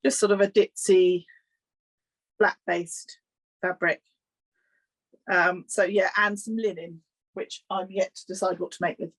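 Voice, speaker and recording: A woman in her thirties, a guest on a video-call interview, speaking in a relaxed, hesitant way with frequent ums and small laughs. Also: fairly low pitch, a little slow, long pauses, breathy edge, rough recording. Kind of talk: casual interview chat.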